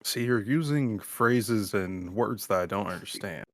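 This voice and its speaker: A man playing a tabletop role-play game, joking in a deadpan way with hesitant fillers. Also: lowish voice, unhurried, no echo, studio quality. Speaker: player.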